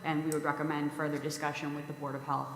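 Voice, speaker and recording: A woman's voice: deep voice, flat delivery, quick pace. A woman on town planning staff, reading out conditions in a formal report at a public meeting. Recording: echoey meeting hall, faint noise.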